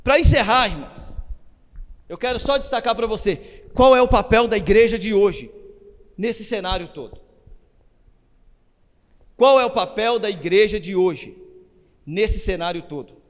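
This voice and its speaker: Male pastor, sermon, very high voice, questions to the congregation, shouted emphasis, echoing church hall. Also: a little slow, long pauses. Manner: rises to shouting when stressing a point. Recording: long reverb of a church hall.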